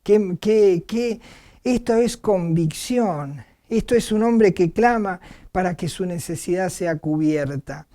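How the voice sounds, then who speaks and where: Argentine preacher, sermon, warm dark tone, earnest and halting. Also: medium pitch, lively intonation. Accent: Argentine Spanish. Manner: earnest, many hesitations and "este" fillers, retells scripture with quoted cries. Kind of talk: evangelistic sermon. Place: church.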